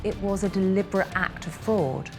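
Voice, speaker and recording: A woman's voice: mid-range voice, moderate pace, music in the background. A woman giving a formal interview statement as an official spokesperson.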